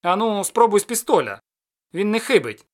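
A man's voice: fairly high pitch, fast talker. Man voicing a mocking cossack sorcerer. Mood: loud, daring. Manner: calm, teasing, then loud challenges.

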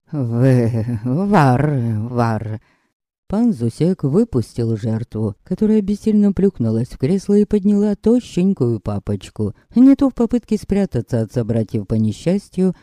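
A man narrating an audiobook in a wry, unhurried storytelling manner. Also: high voice, dark tone, no echo, studio quality. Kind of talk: scripted narration.

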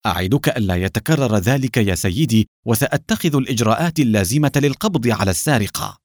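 A man reading a calm, clever young policeman. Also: medium pitch, fast talker, dry recording, clean studio sound, lightly acted. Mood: polite. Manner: calm and composed.

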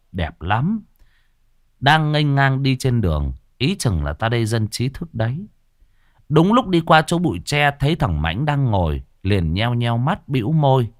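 A man's voice: medium pitch, dry recording, studio quality. A man telling a ghost story, dramatic and vivid with earthy humor.

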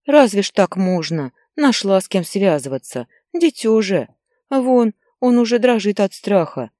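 A woman's voice: mid-range voice, sing-song, a little slow, mellow, no echo, studio quality, pitched above the performer's own voice. A woman voicing an elderly grandmother who reproaches a stranger, indignant and pleading.

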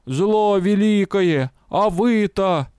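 Brief: shrill doom-wailing old crone, read by a man, creaky yet loud, slow drawn-out cries, clean dry close recording. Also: animated, dry recording, full character voice. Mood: doom-crying. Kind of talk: audiobook character voice.

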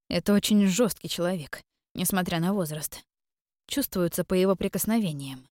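A woman reads a first-person story aloud in a measured, expressive audiobook voice, pitched on the low side for a woman. The recording is close and dry, with no room sound. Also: no room sound. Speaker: audiobook narrator.

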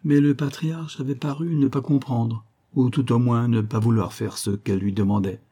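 Male narrator, mellow husky tone, steady novel reading. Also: medium pitch, normal speed. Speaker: audiobook narrator. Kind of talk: scripted narration.

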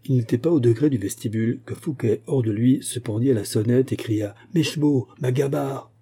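A male audiobook narrator with a very dark, mellow tone and a husky edge. He tells the story in a measured, steady way, letting each sentence unfold calmly. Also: mid-range voice.

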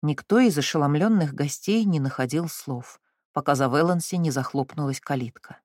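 An audiobook narrator reading the story and its translator's notes in an even, measured way. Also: mid-range voice, no room sound, studio quality. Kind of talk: scripted narration.

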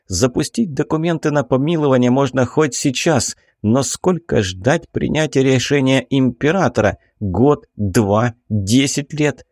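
A man's voice: mid-range voice, lively intonation, measured pace, hardly any pauses, a little mellow, dry recording, clean studio sound, pitched above the performer's own voice. A man reading an audiobook, voicing a cautious, timid investigator who talks in a hesitant, placating way. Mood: persuasive. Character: cautious middle-aged male investigator, timid.

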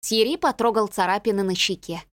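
A woman narrating an audiobook in a measured, even reading. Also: mid-range voice, no room sound. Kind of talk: scripted narration.

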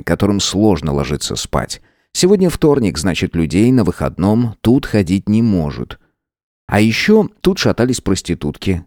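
Мужчина с очень низким голосом ровно и размеренно читает аудиокнигу. Запись сухая, без отзвука помещения. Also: male voice, low voice, dry recording, clean studio sound. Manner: steady, measured reading. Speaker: audiobook narrator. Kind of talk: scripted narration.

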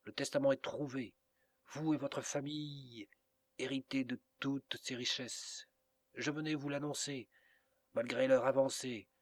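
A man doing an excited kindly priest. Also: mid-range voice, natural voice. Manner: exclamatory, emphatic. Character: excited kindly priest bearing good news.

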